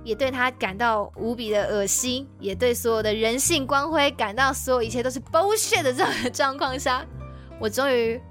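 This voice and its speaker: A woman's voice: high-pitched, normal speed, soft background music. A woman with a Taiwanese Mandarin accent telling a personal story on a podcast, emotional and intense.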